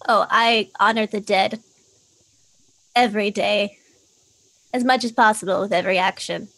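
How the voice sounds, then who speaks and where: A woman's voice: mid-range voice, steady tone, normal speed, fairly bright tone, no room sound, natural voice, rough recording. A woman voicing an eager, polite mortician in a tabletop game, inquisitive and quaintly formal.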